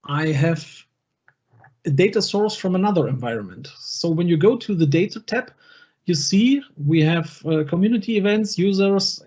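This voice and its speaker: Slow, husky-voiced presenter demoing software step by step on a dull, lo-fi video call. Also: medium pitch. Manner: talks through each click step by step. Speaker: presenter at an online user group event. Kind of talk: live software demonstration.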